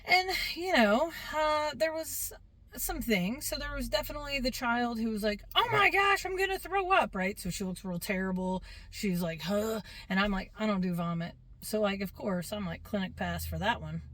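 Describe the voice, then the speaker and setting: Middle-aged woman, casual storyteller, animated, mid pitch, dry close sound. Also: normal speed, no echo. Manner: animated, quotes herself and kids in lively voices. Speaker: substitute teacher.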